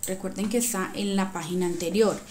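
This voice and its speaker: A woman's voice: mid-range voice, fairly even intonation, brisk, a little mellow, slight background noise. Patient woman teacher explaining a workbook. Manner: patient and explanatory, with frequent checking questions. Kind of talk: recorded lesson walking through a workbook.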